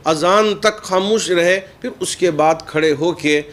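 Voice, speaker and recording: Speaking in a high, fairly bright voice at a measured pace, an Indian man in the role of a cleric gives a statement seemingly meant for the news media. His manner is earnest and his Urdu-laced wording formal.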